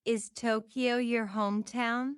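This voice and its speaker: A woman reading short practice phrases aloud for learners, saying each one several times in a deliberate, even way. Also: on the high side, clean tone, no room sound, studio quality. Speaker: English phrase reader.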